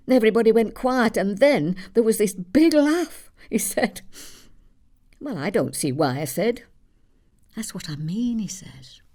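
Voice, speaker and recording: An older-sounding actress plays an elderly Yorkshire mother who says things plainly, delivering a dry, gossipy stage monologue as though chatting. Her voice sits on the higher side and has a slightly mellow quality, and her manner is matter-of-fact.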